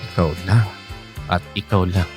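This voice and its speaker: Over music, a low-pitched voice keeps a steady tone and measured pace as an actor plays a teasing, flirtatious man of sixty-five with a Filipino accent in a radio drama. The mood is boastful and teasing, delivered in a cajoling, exaggeratedly swooping manner.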